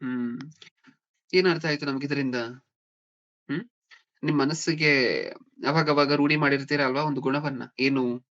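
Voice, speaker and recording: A man's voice: mid-range voice, steady tone, measured pace, long pauses, a bit bright. A man preaching a sermon, often checking in with his listeners with rhetorical questions. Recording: dull lo-fi recording.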